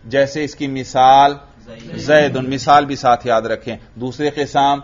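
A male teacher gives a classroom grammar lesson. He asks the class questions and answers them himself, and repeats key terms slowly. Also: medium pitch, steady tone. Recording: dull lo-fi recording.

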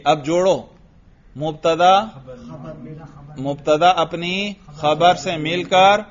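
A man teaching Arabic grammar in a slow, patient way, quizzing students with repeated questions and drills. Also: a little high, muffled recording. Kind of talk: classroom grammar lesson with drills.

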